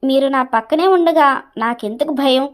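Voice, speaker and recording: A woman's voice: high-pitched, moderate pace, natural voice. A woman voicing a spirited young wife in a cartoon story, teasing her husband and privately mocking her mother-in-law. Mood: playful.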